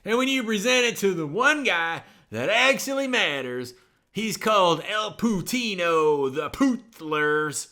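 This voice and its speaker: Slow, bright-voiced male comedy host. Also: high voice, expressive. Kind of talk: comedic banter.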